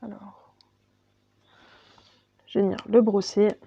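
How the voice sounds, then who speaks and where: A woman's voice: medium pitch, level tone, takes it slowly, gravelly, dark tone, slightly rough, no echo. A woman talking through her makeup step by step as a beauty vlogger, chatty and casual. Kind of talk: makeup tutorial voice-over.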